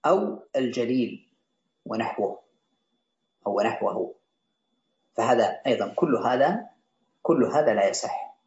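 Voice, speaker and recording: A man's voice: medium pitch, expressive, measured pace, long pauses, a little mellow. Man teaching a classical text. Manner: reads a line of the text, then restates and explains it. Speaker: teacher of Islamic jurisprudence. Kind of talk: explaining a classical text to students. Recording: roomy, slightly dull sound.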